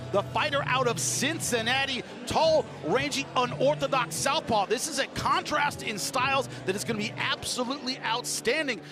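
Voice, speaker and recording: A man hosting a live boxing broadcast with fight preview commentary. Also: extremely high pitch. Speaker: broadcast host.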